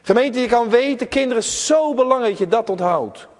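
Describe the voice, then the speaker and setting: A man preaching a sermon to his congregation, emphatic, rising to high cries and dropping to hushed tones. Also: expressive, fairly quick, big-room sound. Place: church.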